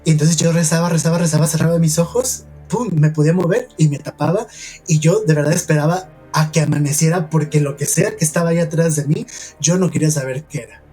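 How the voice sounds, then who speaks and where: A man with a Mexican accent, a podcast host from San Luis Potosí telling a personal paranormal story in an earnest, hushed way with many fillers. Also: fairly high pitch, fast, breathy edge, soft background music.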